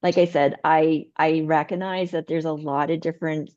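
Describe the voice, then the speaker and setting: A woman herbalist answering questions after her conference talk, earnest and full of ums, her voice going hoarse. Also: deep voice, fairly even intonation, moderate pace, no echo, dull audio. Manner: warm, earnest, hesitant with many ums. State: losing her voice. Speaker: TCM herbalist presenter.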